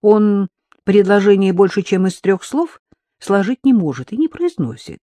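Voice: mid-range voice, big pitch swings, moderate pace, dark tone, no room sound, pitched above the performer's own voice, lightly acted. A narrator voicing a composed, conciliatory middle-aged mother in an audiobook, who speaks politely. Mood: wry.

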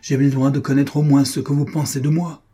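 An indignant, heartbroken woman pleads and reproaches her lover in impassioned bursts, as a male audiobook reader voices her. The tone is deep and mellow with a husky grain. It is a classic storybook read aloud. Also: moderate pace, close to an everyday voice. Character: wounded, furious woman confronting her lover. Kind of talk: audiobook reading of a classic novel.

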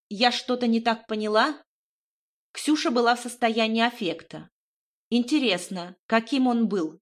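A woman's voice: medium pitch, fairly bright tone. A woman reading a first-person audiobook in a wry, matter-of-fact manner. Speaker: narrator.

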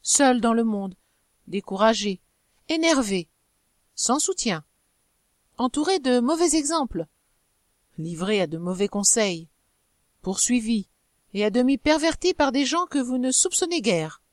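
A woman reads a young wife defending herself before her jealous husband. She pleads with rising, animated intensity, her voice higher than the narration. The sound is dry and close. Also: measured pace, long pauses, no room sound. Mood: earnest.

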